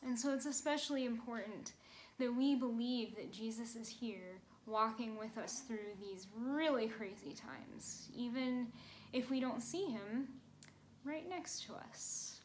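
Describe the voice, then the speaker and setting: A young woman in her twenties gives a children's sermon from a small bedroom, speaking gently and playfully as if to kids. Her voice sits a little high, and a faint hum of room noise runs under the phone recording. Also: measured pace, poor audio.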